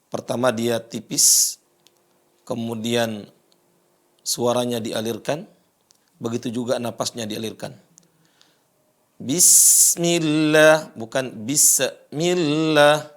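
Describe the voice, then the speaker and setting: Slow, patient male Quran recitation teacher. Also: mid-range voice.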